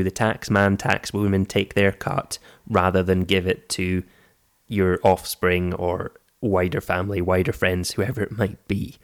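A man with a croaky, froggy voice, hoarse from flu, presenting a podcast in a semi-scripted, explanatory way. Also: low-pitched. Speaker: podcast host. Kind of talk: scripted personal finance podcast narration.

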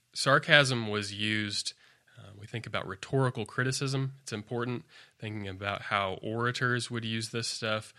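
A man explaining as a guest scholar in an interview, thoughtful and measured, with frequent fillers and restarts. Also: lowish voice, bright, forceful tone.

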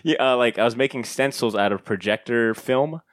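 A man's voice: mid-range voice, moderate pace, noisy background. A man hosting a podcast, chatting casually and telling a meandering, informal story that he often interrupts himself. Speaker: podcast host. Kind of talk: casual chat, telling anecdotes.

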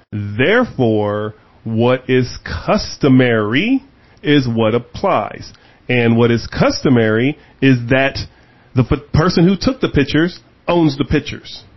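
A man's voice: medium pitch, muffled recording. Heated, emphatic male host. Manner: animated, heated and emphatic, repeating his points. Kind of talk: casual chat.

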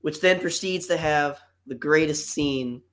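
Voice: mid-range voice, a little slow, a bit bright. A speaker in a casual chat, recounting movie scenes at length.

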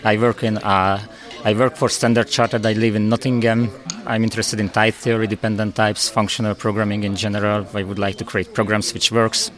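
A man from Hungary, a native Hungarian speaker, answering interview questions in a low, careful voice. He speaks plainly, with small slips in grammar. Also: flat delivery, brisk, a bit bright. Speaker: conference speaker, guest.

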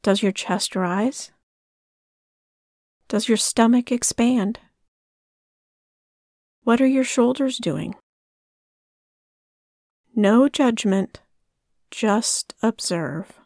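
Woman, meditation guide, slow soft soothing delivery, fairly high voice, dry close sound. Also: no echo.

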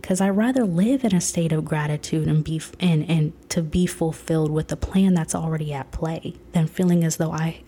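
A woman's voice: low voice, mellow, husky. A woman, talking earnestly and from the heart, often dropping to a whisper. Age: 30s. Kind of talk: personal reflective talk.

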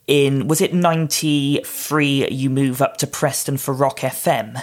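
A man's voice: mid-range voice, fairly even intonation, unhurried. A man interviewing someone, prompting recollections in a conversational way.

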